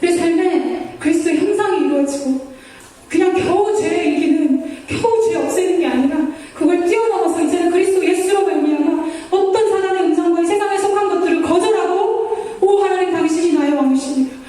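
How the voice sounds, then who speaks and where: A woman's voice: extremely high pitch, a little fast, dark tone. A woman missionary preaching a sermon, earnest and pleading, acting out prayers in the first person. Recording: echoey hall from far off.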